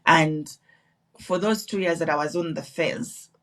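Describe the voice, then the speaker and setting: A woman's voice: low voice, unhurried, distant mic. A woman from Uganda in her thirties, telling her story earnestly as an interview guest, with restarts and repeats. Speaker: guest, nurse and business owner. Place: online live broadcast.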